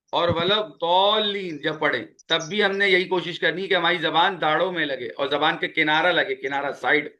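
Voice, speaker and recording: A man leads a spoken tajweed lesson in a small classroom, with a student sitting in. His voice sits a little high and rings bright and forceful. He is patient and repeats each key sound slowly. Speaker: Quran recitation teacher.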